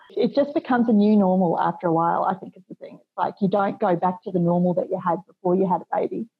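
Brief: woman, slightly low voice, phone-like tinny sound, reflective. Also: gravelly, breathy edge. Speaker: interviewee. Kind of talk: casual interview chat.

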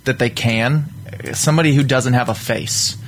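A man hosting a casual podcast chat, excitable and teasing. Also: mid-range voice, moderate pace, noisy background. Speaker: podcast host.

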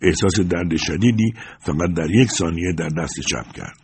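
A man reads a story aloud in a steady, measured way. His voice sits very low and has a husky texture. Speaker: narrator. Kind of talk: audiobook story narration.

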